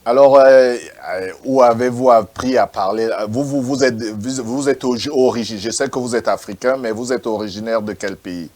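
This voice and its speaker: A man's voice: medium pitch, normal speed, few pauses, a little mellow. A man hosting an interview, stammering and repeating words with many fillers as he asks questions. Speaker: interviewer, host.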